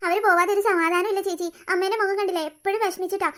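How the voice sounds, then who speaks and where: A woman's voice: very high-pitched, little pitch movement, racing, a bit bright. A woman voicing a worried little girl who pleads and complains, in a cartoon story. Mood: complaining.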